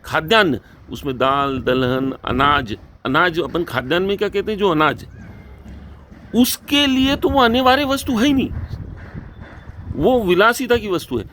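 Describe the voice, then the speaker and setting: Male host, high pitch, rhetorical questioner, faint noise under the voice. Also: lively intonation, moderate pace, fairly bright tone. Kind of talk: political discussion.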